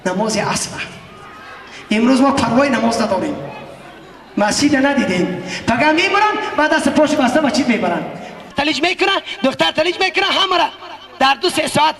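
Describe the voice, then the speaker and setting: A man with a Tajik accent giving an impassioned sermon that mixes a moral story with scolding, at times shouting. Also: extremely high pitch, animated, long pauses, a faint crowd. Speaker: preacher. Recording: echoey hall from far off.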